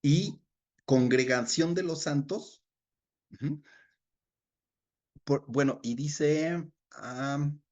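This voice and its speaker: A man's voice: a little high, drawn-out words, pauses often, a little mellow. A man leading a Bible study in a conversational way, reading verses aloud and checking in with his listeners. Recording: dull lo-fi recording.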